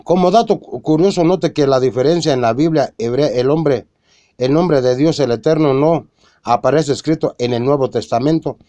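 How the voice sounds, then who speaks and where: A man reading a religious argument aloud in a measured way, quoting scripture and citing chapter and verse. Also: medium pitch, dark tone, dry recording, muffled recording. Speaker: religious lecturer.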